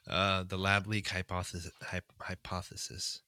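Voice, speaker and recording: A young man in his late twenties talks in a deep voice with a bright edge, recorded dry. He speaks hesitantly, halting often and filling his pauses with "um" and "like.". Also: flat delivery, no room sound. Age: 20s. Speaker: podcast co-host. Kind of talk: casual chat.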